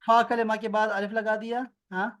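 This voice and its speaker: A male Arabic teacher with a Pakistani Urdu accent, giving an online class over a video call from home. He patiently repeats terms slowly and quizzes students by name. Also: high voice, level tone, a bit bright. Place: home near an airport.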